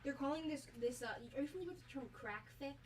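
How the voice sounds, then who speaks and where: A man chiming in with quick, joking asides as co-host. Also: very high-pitched.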